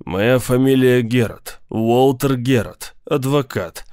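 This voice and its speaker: A man doing a cold, measured gangster lawyer. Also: mid-range voice, a little mellow, clean tone, dry recording, studio quality, close to an everyday voice. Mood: cool. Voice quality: slow, measured, coolly polite. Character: big cold male mobster lawyer, menacing, patient.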